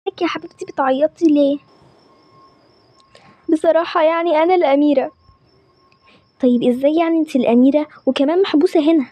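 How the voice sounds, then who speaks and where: Woman, Egyptian accent, storyteller, lively conversational manner, warm dark tone. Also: very high-pitched, dry recording. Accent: Egyptian Arabic. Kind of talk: animated character-voice storytelling.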